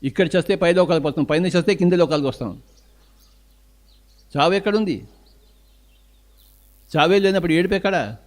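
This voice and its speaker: A man's voice: sits high, lively intonation, moderate pace, pauses often. An older man with a Telugu accent giving an emphatic spiritual discourse as a meditation teacher, asking questions and answering them himself.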